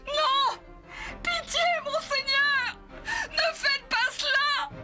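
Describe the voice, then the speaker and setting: A desperate mother begs for mercy, as a woman plays her, crying as she pleads. Her voice is very high and slow, breaking with tears. Music swells under the storybook reading. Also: steady tone, exaggerated voice. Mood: pleading. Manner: imploring, pleading.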